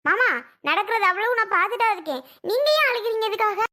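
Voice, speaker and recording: A woman voicing a jealous, sharp-tongued daughter-in-law in a cartoon, needling her father-in-law. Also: extremely high pitch, lively intonation, fast talker, exaggerated voice. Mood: sarcastic. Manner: sarcastic, needling.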